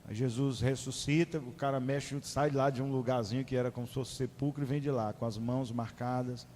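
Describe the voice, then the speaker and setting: A man preaching a sermon in a conversational, animated way, speaking straight to his listeners. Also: medium pitch, brisk, big-room sound, a little hiss or hum.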